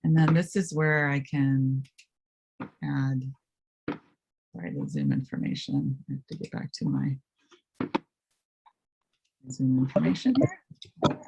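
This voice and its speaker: A woman with a raspy voice presenting a webinar, walking through software step by step with many hesitant ums. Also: extremely low pitch, big pitch swings, slow, pauses often. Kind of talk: screen-share software walkthrough.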